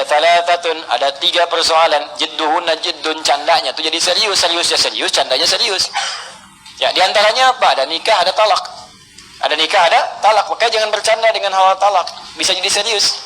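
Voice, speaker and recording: Lively bright-voiced preacher man. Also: high voice, a little fast, low-quality recording. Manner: lively, plays out little scenes, chuckles. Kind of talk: sermon Q&A answer.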